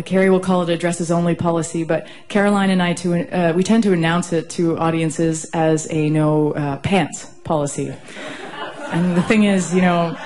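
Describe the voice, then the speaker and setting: A woman's voice: fairly low pitch, darkish tone. A woman in a band telling a funny story between songs on stage, laughing as she goes. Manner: amused, laughing through the anecdote. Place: concert stage. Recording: live concert recording with room noise.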